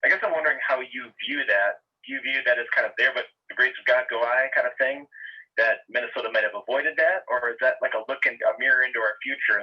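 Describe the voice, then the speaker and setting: Male press reporter, husky, hedging questions, relayed through a speaker from a dull, scratchy call line. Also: medium pitch. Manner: rambling, hedging questions with soft laughs. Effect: scratchy web-call audio played back through a speaker.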